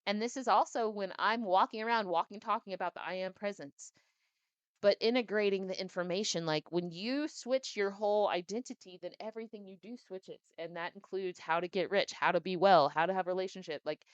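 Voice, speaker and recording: A young adult woman hosting a podcast, reading a book aloud and breaking off into chatty, animated commentary. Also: mid-range voice, brisk, smooth, no room sound, highs cut off.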